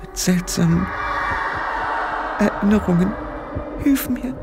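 Ein Mann spricht ein verängstigtes junges Hexenmädchen, das stockend und hastig redet. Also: male voice, mid-range voice, moderate pace, music in the background, voice pushed up, natural voice. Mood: eerie, dazed. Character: frightened young witch girl, shaky and strange.

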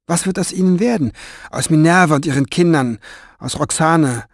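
A man's voice: on the high side, normal speed, no echo, clean studio sound, pitched above the performer's own voice. A man voicing an earnest teenage girl who pleads in a raised, worried voice. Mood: pleading.

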